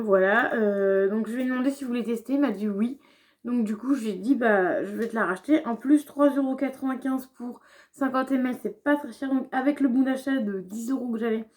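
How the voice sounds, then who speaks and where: Give me a chatty young woman vlogger with a slightly high voice, full of fillers. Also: darkish tone. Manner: chatty, many fillers and restarts. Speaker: beauty vlogger. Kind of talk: casual haul vlog.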